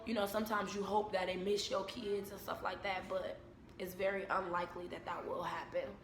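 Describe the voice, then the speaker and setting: A woman's voice: mid-range voice, flat delivery. Casual young American woman, echoey noisy room. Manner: informal, unhurried storytelling with repeated phrases. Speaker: vlogger and mother. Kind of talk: casual chat to camera. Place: indoors at home. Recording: echoey room with background noise.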